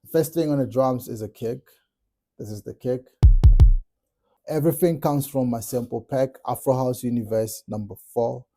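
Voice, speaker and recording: A man from South Africa with a South African accent, calmly walking through how he builds a track, step by step, in a casual tutorial. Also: mid-range voice, moderate pace. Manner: relaxed step-by-step explaining. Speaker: music producer tutorial host. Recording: music playing in the background.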